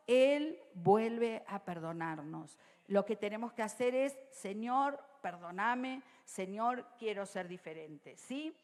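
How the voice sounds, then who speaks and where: Argentine lady pastor preaching, high voice, long church reverb, keeps asking "sí?". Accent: Rioplatense Spanish. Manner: asks the congregation "¿sí?" often, swings between loud and soft. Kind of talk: sermon.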